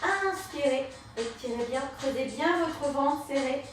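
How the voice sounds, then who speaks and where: A woman instructor with a high voice leads a live Pilates and yoga class at a measured pace, cueing each breath and movement step by step. The recording comes from a very echoey room, with the mic far away and music playing behind her.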